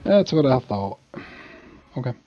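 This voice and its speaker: Un hombre que juega una partida de rol en línea, charla casual en voz baja, con un micrófono apagado y de baja frecuencia de muestreo. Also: male voice, medium pitch, sing-song, unhurried, muffled recording. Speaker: player in an online tabletop game. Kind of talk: casual game chat.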